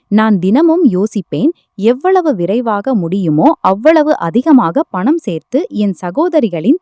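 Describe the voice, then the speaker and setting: A woman's voice: medium pitch, dark tone, no echo. A woman reading an emotional family story aloud as a first-person narrator.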